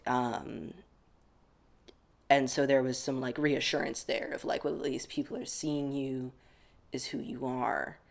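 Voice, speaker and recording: The voice is a young adult American man's: medium pitch, flat delivery, unhurried and gravelly. He responds to interview questions thoughtfully and informally, saying "like" a lot.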